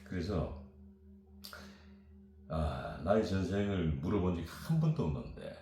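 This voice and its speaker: A man in his fifties from South Korea, telling childhood stories in a rambling, animated way as a guest. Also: deep voice, unhurried, vocal fry, slight background noise. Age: 50s. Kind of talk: storytelling chat. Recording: very echoey room with music behind.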